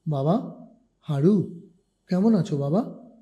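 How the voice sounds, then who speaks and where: A man's voice: high voice, lively intonation, moderate pace, lo-fi sound, pitched above the performer's own voice. A man voicing a fussing, fretful village mother. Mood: tender. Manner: fussing, anxious, then softly coaxing. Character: worried, affectionate village mother.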